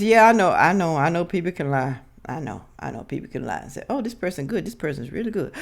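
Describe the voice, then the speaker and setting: A woman gives blunt, emphatic, casual commentary to her viewers, repeating herself, her words slurred as if speaking without her dentures in. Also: lowish voice. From United States. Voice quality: slurred, toothless speech from missing dentures. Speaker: reaction video host.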